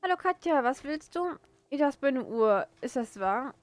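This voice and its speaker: A vain teenage girl showing off and teasing her best friend, read by a woman. The voice is fairly high and dry. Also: a little slow, no room sound, soft background music. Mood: bragging.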